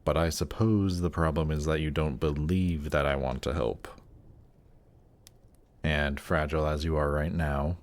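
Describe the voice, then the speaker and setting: A man voices a very deep, suave demon prince, haughty ruler of a circle of Hell, in a scripted fantasy roleplay audio drama. His tone stays steady and his mood is soft and coaxing. He speaks in a polished, courtly, condescending, measured manner.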